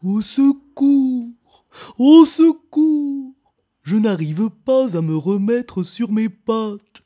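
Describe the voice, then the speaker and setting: A woman voicing an old male hedgehog stuck on his back, crying slowly and pleadingly for help in a storybook reading. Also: fairly high pitch, warm tone. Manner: slow, pleading cries for help. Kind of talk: storybook narration.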